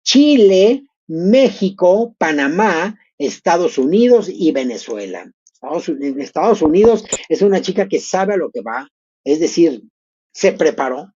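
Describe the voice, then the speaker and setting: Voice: mid-range voice, moderate pace, slightly rough, no echo, highs cut off. Chatty middle-aged pageant host. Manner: expressive, chatty, addresses viewers directly. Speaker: live stream host. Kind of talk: live pageant commentary, reading chat.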